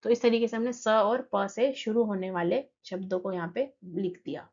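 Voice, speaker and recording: A woman teacher explaining a children's lesson patiently, reading poem lines slowly and then talking them through. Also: medium pitch, fairly even intonation, a little mellow, muffled recording.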